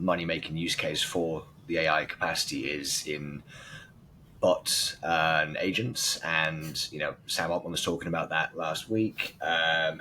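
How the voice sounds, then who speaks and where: A man with a hoarse, very deep voice co-hosts a casual podcast. He talks in a loose, chatty way and swears casually. A faint noise sits under the recording. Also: bright, forceful tone, poor audio. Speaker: podcast co-host. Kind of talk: casual industry chat.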